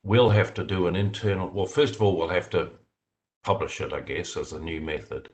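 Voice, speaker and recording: A man explaining statistical software methods in a video meeting, measured and explanatory, with frequent fillers. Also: deep voice, fairly even intonation, low-quality recording. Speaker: software developer answering committee questions. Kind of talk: technical discussion in a video meeting.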